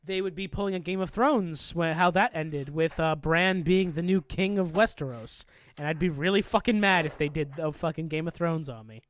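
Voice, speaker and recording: A man's voice: on the high side, moderate pace, dry recording. A man hosting a casual podcast chat, joking loosely and swearing often. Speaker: podcast host.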